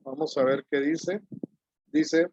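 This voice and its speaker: A man's voice: on the high side, steady tone, a little mellow, breathy edge, no echo, muffled recording. Man preaching a teaching sermon. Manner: explanatory, repeats key phrases, reads scripture slowly.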